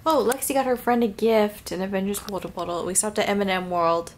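A woman's voice: mid-range voice, fairly even intonation, fairly quick, a little hiss or hum, rough recording. A young woman chatting playfully with a friend in a casual vlog. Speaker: vlogger. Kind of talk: casual chat.

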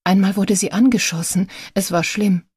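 A woman's voice: mid-range voice, steady tone, normal speed, darkish tone, breathy edge, no echo, clean studio sound. A woman reading an audiobook, voicing a grieving adult daughter who speaks in an earnest, strained way.

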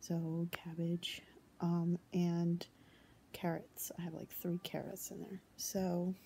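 A young woman chatting casually to camera in a hushed, near-whispering voice kept low, halting as she goes. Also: flat delivery, creaky, a little hiss or hum. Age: young adult. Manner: hesitant, halting. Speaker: home cooking vlogger. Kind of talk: quiet casual chat to camera. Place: indoors in a home living room. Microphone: phone held at arm's length.

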